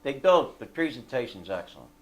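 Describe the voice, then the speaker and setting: A man leading a fellowship group, telling a story in a casual, animated way and asking the listeners for agreement. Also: medium pitch, fairly quick.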